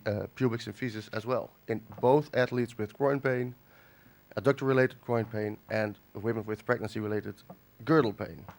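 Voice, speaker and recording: In a conference hall, a man from the Netherlands gives his talk despite having a cold. His voice is creaky and middling in pitch, and his delivery is halting, full of fillers and restarts.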